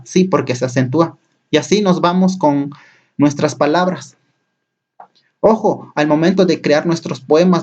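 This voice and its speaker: A man's voice: fairly high pitch, darkish tone. A man teaching an online lesson, going through each point patiently and step by step, counting syllables aloud and repeating himself for clarity. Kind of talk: online lesson explaining poetry rules. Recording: dull lo-fi recording.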